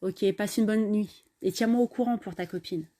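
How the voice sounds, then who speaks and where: A woman doing a pushy young dude hitting on someone, casual, mellow low-key voice. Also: normal speed, natural voice. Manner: casual, persistent. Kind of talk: storytelling voice acting.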